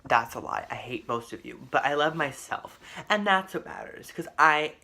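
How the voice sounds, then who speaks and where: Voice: medium pitch, lively intonation, normal speed, vocal fry, bright, forceful tone. A teenage vlogger in a casual mukbang chat, sassy and melodramatic, grumbling in mock despair and bragging with mock arrogance.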